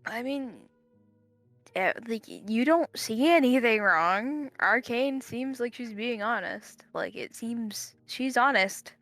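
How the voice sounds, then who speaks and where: A woman narrating as game master in a tabletop game, hesitant and quick to laugh, often restarting her sentences. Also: on the high side, expressive, a bit bright, dry recording, faint music behind.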